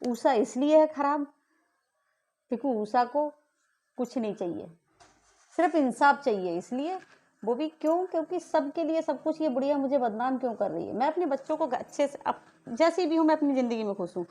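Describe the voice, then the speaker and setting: Indignant high-voiced woman ranting. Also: animated, moderate pace, mellow. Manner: indignant, accusing, repeated rhetorical questions. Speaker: vlogger. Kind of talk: angry family-dispute rant to camera.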